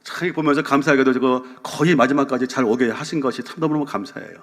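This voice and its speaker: A male senior pastor with a Gyeongsang Korean accent preaching a sermon, telling a story with lively questions to the congregation. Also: mid-range voice, fast. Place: church sanctuary. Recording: reverberant church hall.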